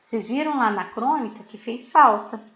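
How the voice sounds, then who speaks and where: A woman's voice: on the high side, normal speed, fairly bright tone, muffled recording. Patient woman teacher explaining punctuation. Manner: patient, explanatory, checks in with "tá?" often. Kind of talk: recorded remote class lesson.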